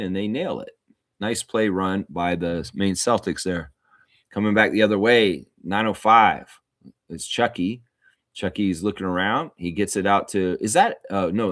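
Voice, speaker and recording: In a low, slightly bright voice, a man gives relaxed fan play-by-play of a basketball game on his livestream. He wanders a bit and says things more than once. The audio is studio quality, with no room sound.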